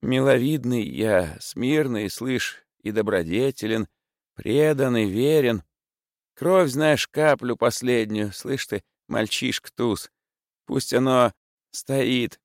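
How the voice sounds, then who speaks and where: A man voicing a sick, frightened old miser in a storybook reading, muttering and rambling in halting phrases. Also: medium pitch, no echo, clean studio sound, pitched above the performer's own voice.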